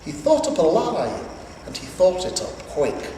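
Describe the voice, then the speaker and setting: A man's voice: high voice, wildly swooping pitch, measured pace, warm tone. A man reading a rhymed storybook aloud in a dramatic, theatrical way. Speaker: story reader. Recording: roomy, distant, faintly noisy recording.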